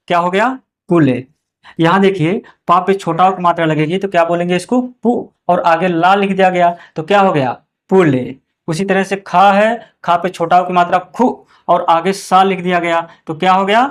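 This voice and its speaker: A man teaching young pupils how to read vowel signs. He asks questions and answers them himself, and draws out each example word slowly. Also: sits high. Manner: slow and drawn out on example words, repeating each twice. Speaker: Hindi teacher.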